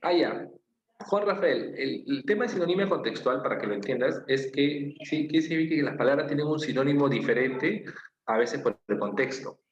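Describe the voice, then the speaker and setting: A man's voice: mid-range voice, lively intonation, fairly quick. Peruvian male teacher repeating key phrases. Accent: Peruvian Spanish. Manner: explains patiently, repeats key phrases, checks in with "¿ok?". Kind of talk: online class lecture. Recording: roomy, slightly dull with faint noise.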